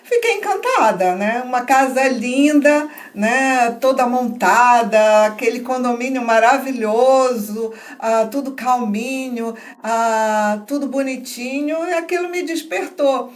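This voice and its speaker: A woman's voice: on the high side, takes it slowly, hardly any pauses. A middle-aged woman from northern Brazil with a faint Pará accent, chatting as a guest in an interview and laughing often as she tells her story. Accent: faint Pará Brazilian Portuguese, softened by years abroad. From Belém do Pará, Brazil. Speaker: guest entrepreneur. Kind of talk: casual interview conversation.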